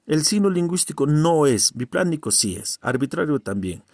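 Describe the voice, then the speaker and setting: A man's voice: a little high, very animated, moderate pace, no echo, clean studio sound. A man teaching a recorded language lesson, asking rhetorical questions, answering them himself and often checking in with the listener. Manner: checks in with the listener, repeats key terms.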